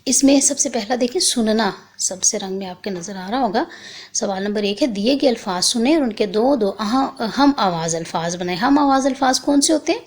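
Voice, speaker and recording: A woman from Pakistan teaching a primary school language lesson, explaining each exercise patiently step by step, checking in often, and reading word lists slowly and clearly. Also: on the high side, lively intonation. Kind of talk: recorded class lesson.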